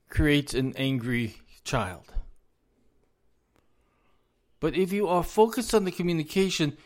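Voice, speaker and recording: A man with a slightly raised pitch gives informal advice on parenting, speaking earnestly and repeating phrases for emphasis. His voice is going a little hoarse as he talks. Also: a bit bright. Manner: earnest, repetitive, addresses parents directly. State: losing his voice.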